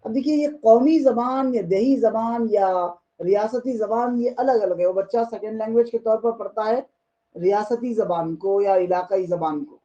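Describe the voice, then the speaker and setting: A man's voice: sits high, mellow. A man with an Indian Urdu accent teaching exam preparation, repeating and rephrasing points and mixing in English terms. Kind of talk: explaining exam questions. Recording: dull lo-fi recording.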